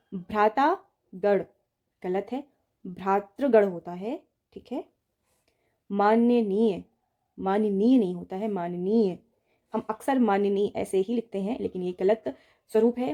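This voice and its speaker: Woman, teacher, mellow warm tone, patient, repetitive, explaining spelling to students. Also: medium pitch. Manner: patient, repeats each word and says "ठीक है" often; addresses students directly, steady explaining tone. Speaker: Hindi teacher. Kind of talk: exam-prep grammar lesson.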